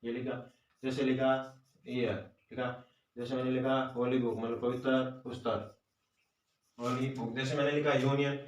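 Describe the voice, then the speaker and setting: Echoey far-off Hindi-accented teacher. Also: male voice, medium pitch, level tone, moderate pace, pauses often, a little hiss or hum. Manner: repeats questions and answers them himself. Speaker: grammar teacher. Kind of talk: classroom lesson. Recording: roomy echo, voice from far off.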